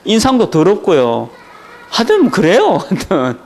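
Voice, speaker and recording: Animated pastor with a Daegu accent. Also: male voice, sits high, moderate pace. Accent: Daegu Gyeongsang dialect. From Daegu, South Korea. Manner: animated, joking, chuckling storyteller. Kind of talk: sermon. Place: church training session.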